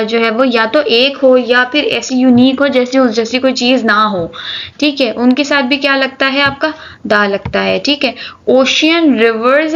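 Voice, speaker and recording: A woman teaching English articles, reading example sentences slowly and explaining them briskly while checking that students follow. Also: a little high, fairly bright tone. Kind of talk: grammar lesson explaining articles. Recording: dull lo-fi recording.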